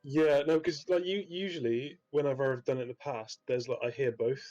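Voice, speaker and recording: A man's voice: mid-range voice, brisk, darkish tone, muffled recording. A man playing a tabletop game, talking hesitantly and restarting his phrases. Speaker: player. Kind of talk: casual tabletop game chat.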